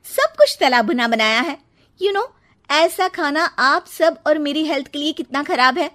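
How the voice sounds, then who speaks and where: A woman's voice: sits high, expressive, unhurried, fairly bright tone, voice pushed up. A woman voicing a young, fitness-obsessed daughter-in-law in a cartoon story, fussy, easily flustered and dropping in English phrases. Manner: mixes English phrases into speech.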